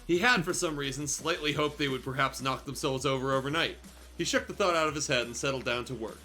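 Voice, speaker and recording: Over background music, a man reads fan fiction on a livestream show as a guest host, playing it for laughs with sweary, irreverent remarks. He talks fast, in a medium-pitched voice with a sharp tone.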